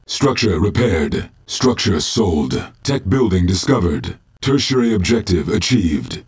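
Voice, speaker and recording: A husky battlefield command computer. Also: male voice, fairly low pitch. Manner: terse, flat military report delivery. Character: calm male battlefield command computer, impassive. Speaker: in-game announcer. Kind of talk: clipped battlefield status callouts.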